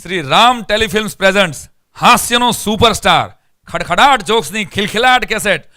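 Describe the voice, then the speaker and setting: A man's voice: high voice, lively intonation, brisk, crowd noise, noisy background. A man reading a scripted promo announcement in a punchy, salesy way.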